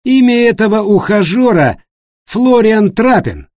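A man playing an excited, pushy businessman. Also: sits high, moderate pace, no echo, studio quality, voice pushed up.

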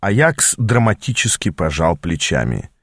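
Measured male audiobook narrator, dry sound. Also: sits low, very animated, fairly bright tone, slightly rough, no room sound.

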